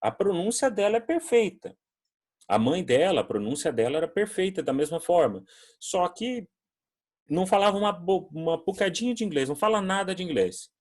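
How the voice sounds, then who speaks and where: A man's voice: sits high, very animated, a little fast. A man from Brazil teaching an English class online, talking conversationally and acting out quoted voices as he answers student questions.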